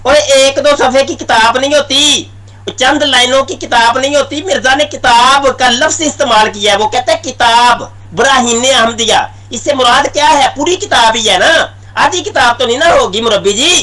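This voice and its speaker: A man's voice: very high-pitched, normal speed, sharp tone. A man in a religious debate, demanding answers and mocking his opponent, laughing at his claims. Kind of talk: heated religious debate voice message.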